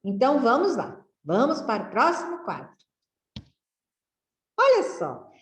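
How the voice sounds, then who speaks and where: A Brazilian woman teacher giving a children's literacy lesson, reading aloud slowly in a sing-song way with rising exclamations. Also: a little high, sing-song, echoey room. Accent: Brazilian Portuguese.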